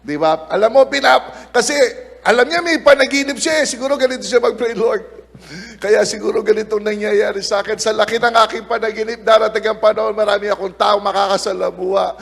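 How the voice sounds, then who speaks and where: A man preaching a sermon, lively, acting out quoted lines in changed voices. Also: high-pitched, a little fast, creaky, long reverb tail. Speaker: pastor.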